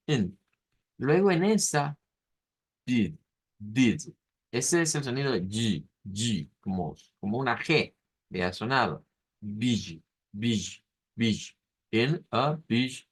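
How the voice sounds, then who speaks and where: A male teacher explaining pronunciation in a class, saying each word several times and breaking it into syllables. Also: mid-range voice. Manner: repeats words slowly, splitting them into syllables.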